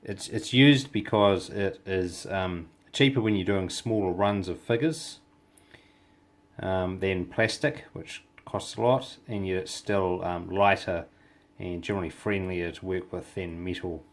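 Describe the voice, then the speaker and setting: Deep, creaky-voiced New Zealand man. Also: measured pace. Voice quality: gravelly, low voice. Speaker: hobby tutorial presenter. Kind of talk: casual hands-on demonstration.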